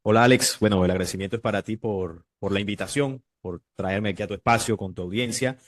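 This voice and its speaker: Man, low voice, dry close sound, calm explanations. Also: quick pace, dry recording. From Colombia. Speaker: guest. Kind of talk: casual interview chat.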